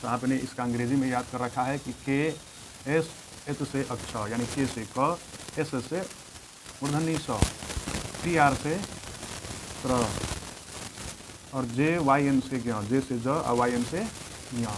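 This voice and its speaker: A man teaching Hindi grammar in a slow, repetitive classroom style, spelling out letters one at a time. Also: medium pitch, fairly even intonation, background noise.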